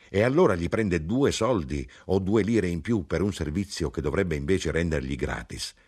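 A man reading aloud voices an earnest, whimsical male knife grinder with a husky, raised voice and lively, swooping delivery. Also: low-pitched, exaggerated voice. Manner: wondering, musing, bursts of exclamation.

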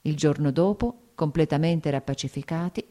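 Low, mellow woman reading a novel. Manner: measured, even storytelling. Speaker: narrator. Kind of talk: audiobook reading of a classic novel.

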